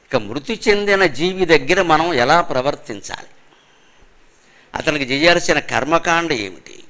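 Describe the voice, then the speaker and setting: A man's voice: on the high side, expressive, pushed and bright. Older man giving an emphatic spiritual lecture. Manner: emphatic, rhetorical questions, chants verses slowly. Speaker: religious discourse speaker. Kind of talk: spiritual lecture to a live audience. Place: function hall.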